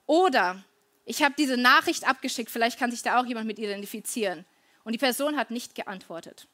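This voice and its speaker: Middle-aged woman, high voice, earnest chatty devotional speaker who keeps addressing her listeners. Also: expressive, a little fast, bright, forceful tone. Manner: earnest, conversational, asks listeners directly. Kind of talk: devotional talk on worry.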